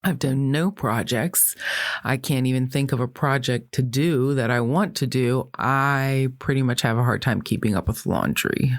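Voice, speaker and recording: Middle-aged woman, very low voice, dry close sound, candid rambling podcast storyteller. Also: normal speed, dry recording. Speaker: podcast co-host. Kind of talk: casual chat.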